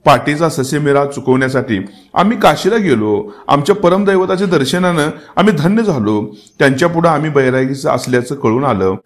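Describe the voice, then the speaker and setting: A man's voice: fairly high pitch, lively intonation, fairly quick, pitched above the performer's own voice, lightly acted. A man voicing a dying old king, weary but commanding, in a dramatic reading of a historical novel, his lines full of emotion. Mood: fervent. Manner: emotional, rising to pleading and commanding outbursts.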